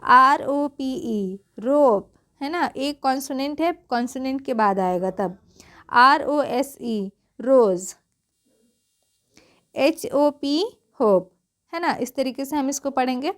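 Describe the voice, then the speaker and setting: A woman with a high voice gives a pronunciation lesson in a patient, teacherly way. She spells each word out slowly, says it twice, and keeps asking questions that she answers herself. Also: animated, a bit bright. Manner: asks the class questions and answers them herself. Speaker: English teacher.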